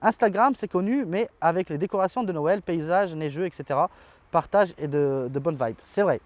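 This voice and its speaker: Youtubeur français bavard à la voix un peu aiguë. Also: male voice, fairly high pitch, normal speed, no echo. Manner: chatty, loose and informal, with frequent fillers and slang. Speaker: tech YouTuber reading viewer comments. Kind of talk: casual chat.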